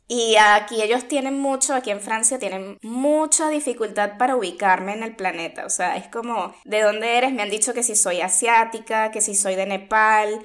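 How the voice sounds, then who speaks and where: A woman from the Caribbean with a soft Caribbean Spanish accent, chatting in a lively, amused way. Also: fairly high pitch. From Caribbean Latin America. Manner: lively, amused, laughs between phrases. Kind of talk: casual conversation.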